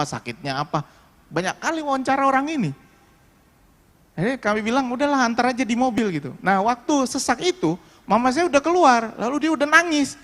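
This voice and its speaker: High-voiced pastor preaching in a hall. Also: male voice, a bit bright. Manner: emotional, conversational storytelling, addressing the congregation directly. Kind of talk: sermon with personal testimony. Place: worship hall.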